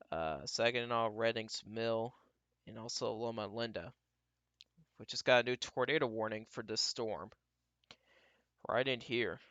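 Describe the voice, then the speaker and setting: A man giving casual, off-the-cuff live weather radar commentary as a livestream storm tracker, halting and repeating himself as he talks through what he scans. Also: mid-range voice, sharp tone, no room sound, dull audio. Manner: talks to himself while scanning, halting and repetitive.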